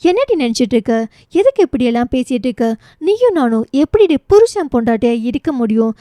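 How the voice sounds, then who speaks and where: Woman reading the part of a rattled young guy in a storybook romance, pleading, higher voice, mellow. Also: sing-song, fairly quick, dry recording, studio quality. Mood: alarmed. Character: young man, anxious, flustered husband-friend.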